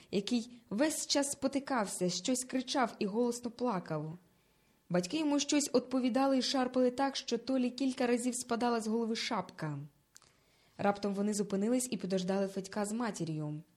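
A woman narrating a children's story in a lively, dramatic reading style. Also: on the high side, fairly quick.

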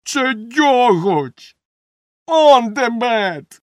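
A man voicing a fussy male royal cook who shouts and panics easily. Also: very animated, moderate pace, vocal fry, husky, no room sound, studio quality, full character voice. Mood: panicked shouting. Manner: shrill, exclamatory shouting.

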